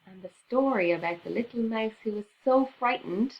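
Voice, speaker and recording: A woman reading a rhyming picture book aloud to children in an expressive, sing-song teacher's way. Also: a little high, moderate pace, highs cut off.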